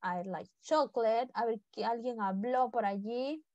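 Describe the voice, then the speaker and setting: A woman's voice: on the high side, unhurried, darkish tone, dry recording, highs cut off. Patient woman teacher coaxing young pupils. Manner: patient, coaxing, mixes Spanish and English, drills pronunciation. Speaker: English teacher. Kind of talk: online primary class lesson.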